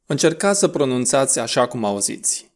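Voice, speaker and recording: A man leading an audio lesson on English pronunciation. He gives quick instructions and then draws out the model words slowly. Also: mid-range voice, sing-song. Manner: slow, drawn-out model words between brisk instructions.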